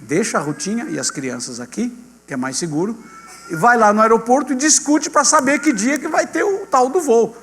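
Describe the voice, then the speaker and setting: A male pastor with a Brazilian Portuguese accent, telling a testimony in a sermon and acting out the dialogue in an animated way. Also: sits high. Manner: animated storyteller acting out dialogue, addressing congregation as "gente". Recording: long hall reverb with mains hum.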